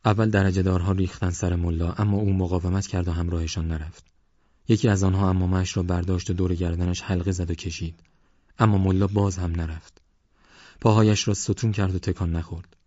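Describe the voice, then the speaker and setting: A male audiobook narrator with a very deep voice, reading in a steady, measured way. The sound is dry with no room around it. The top end is a little dull. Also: dry recording. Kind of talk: scripted narration.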